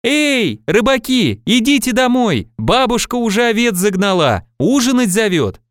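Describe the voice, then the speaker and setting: A man reading a storybook, voicing a teasing little village girl who shouts and mocks. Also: extremely high pitch, sing-song, a little slow, no echo, studio quality, pitched above the performer's own voice, exaggerated voice. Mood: calling out. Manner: shouting, mocking.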